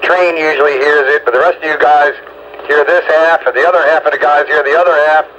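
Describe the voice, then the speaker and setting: Over muffled CB radio thick with loud static, a man with a fairly high, fairly even voice talks fast and casually. He's an operator checking in callers, folksy and rambling, with the sound of a two-way radio transmission.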